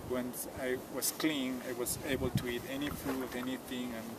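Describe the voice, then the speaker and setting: Outdoors at a mountain site, a tour guide with a medium-pitched voice tells a story at normal speed in a casual interview. He is from the Cusco countryside of Peru, a first-language Quechua speaker, with relaxed, simple phrasing and frequent "you know." The distant outdoor mic picks up loud ambience, so it's very noisy.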